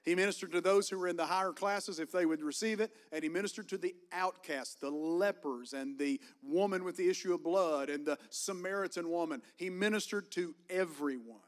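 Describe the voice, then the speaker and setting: A man preaches in a church, his Southern Virginian drawl plain in every phrase. His voice sits a bit higher than most men's. He calls out for amens and builds toward a fervent, rising delivery. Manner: preaching with call-and-response, rising fervor. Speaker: pastor. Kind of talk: sermon. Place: church sanctuary.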